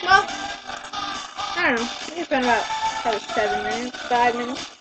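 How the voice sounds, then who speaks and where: Excitable young girl with a high, animated voice. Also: a little fast, low-quality recording. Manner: silly, excitable, giggly. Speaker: amateur video co-host. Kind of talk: casual chat with a friend. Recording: music playing behind the talk. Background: music with guitar.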